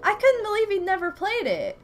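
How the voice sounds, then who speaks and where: A young woman with a very high voice streams a game from a room at home, chatting briskly and casually with viewers. She's animated and exclaims at the game, her nose stuffed up from a recent flu, with faint music behind her.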